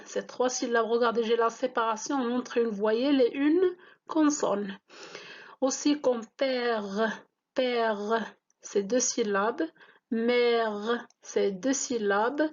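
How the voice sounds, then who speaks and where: A woman whose first language is Moroccan Arabic, teaching French reading, spelling out letters and syllables slowly and deliberately. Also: on the high side, lo-fi sound. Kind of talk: slow classroom-style reading lesson.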